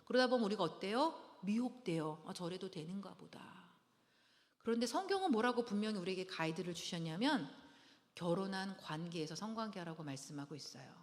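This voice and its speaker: A middle-aged woman with a mid-range voice speaks fast as she leads a marriage-preparation class for engaged couples in a church hall. Her delivery is lively and dramatic: she acts out little scenes and has the audience repeat lines back to her. The recording carries a long hall reverb.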